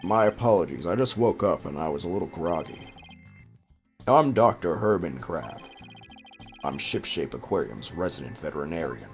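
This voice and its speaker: A man voicing a gruff video game veterinarian who is groggy, as if just woken up. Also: a bass voice, very animated, moderate pace, soft background music, pitched below the performer's own voice, exaggerated voice. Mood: groggy, confused. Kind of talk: video game dialogue read aloud.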